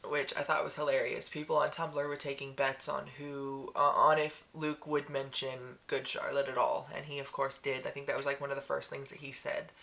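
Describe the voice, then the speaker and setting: A woman vlogger chatting casually in a rambling, excitable way with many fillers. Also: low-pitched, creaky, a little hiss or hum. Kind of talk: casual chat.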